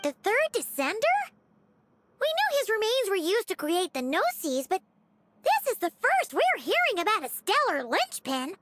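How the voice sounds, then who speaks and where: A woman's voice: very high voice, wildly swooping pitch, normal speed, background noise, heavily acted. A woman voicing a tiny childlike companion creature, inquisitive and earnest, in a video game cutscene. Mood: curious. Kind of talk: scripted game cutscene acting. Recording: music clearly behind the voice. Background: game soundtrack music.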